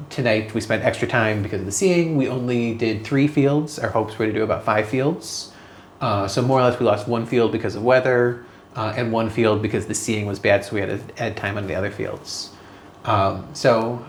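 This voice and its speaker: A man's voice: fairly low pitch, moderate pace. A man talking casually and a little hesitantly as he works through an observing task, thinking aloud. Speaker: astronomy observer. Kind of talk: casual vlog talk while working. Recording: echoey room with faint background noise.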